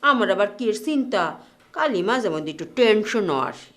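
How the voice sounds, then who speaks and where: A woman's voice: mid-range voice, sing-song, a little fast. A woman in a TV drama, scolding and mocking a man in village dialect. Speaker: actor in a TV drama. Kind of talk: scripted TV drama dialogue.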